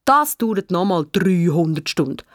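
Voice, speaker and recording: A woman with a Swiss accent, reading a children's story in the first person with a lively, childlike manner. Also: on the low side, a little slow, no room sound, studio quality. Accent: Swiss German. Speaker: audiobook reader.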